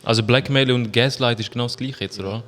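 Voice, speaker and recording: A man's voice: mid-range voice, fairly even intonation, quick pace, fairly bright tone. A man with a Swiss German accent, co-hosting a podcast in casual chat and often asking skeptical questions. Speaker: podcast co-host.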